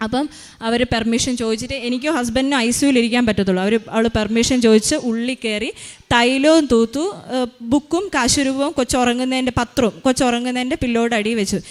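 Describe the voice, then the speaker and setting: A woman's voice: fairly high pitch, fast. A woman in her thirties giving a spoken faith testimony as a mother, retelling events earnestly with many hesitations.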